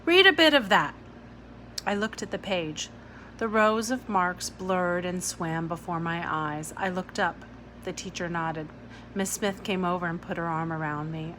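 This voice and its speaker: A woman reads a children's novel aloud as scripted, audiobook-style narration. Her voice is fairly low and a bit bright, with fairly even intonation and a slightly slow pace. The low-quality recording has clear background noise.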